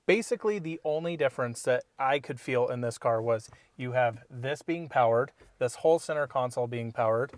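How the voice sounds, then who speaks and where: A man in a casual car review, calmly giving measured opinions from inside a parked car. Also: mid-range voice, dry recording. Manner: easygoing, agreeable, measured opinions. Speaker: co-host reviewing cars.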